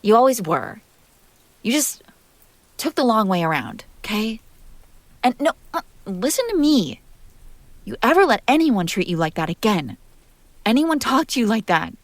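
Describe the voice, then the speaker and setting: Speaking in emphatic, halting bursts right up against the microphone, a woman portrays a young woman who is jealous, possessive and fiercely protective in an intimate roleplay audio drama. Her pitch runs on the high side and she is very animated. The sound is dry and close-miked, with no room sound.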